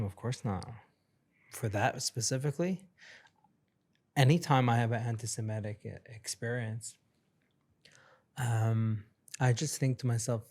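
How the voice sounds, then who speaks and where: A man from Sweden sits as a guest on a podcast and tells his childhood stories. His voice sits at an ordinary male pitch, and he speaks in an animated way, laughing often between lines. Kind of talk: casual interview chat.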